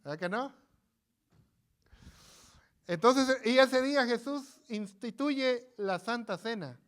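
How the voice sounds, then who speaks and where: A pastor gives an informal live sermon in a church sanctuary, folksy and conversational, often repeating himself and bantering with the congregation. His very high voice is animated, slow, fairly bright, clear and resonant.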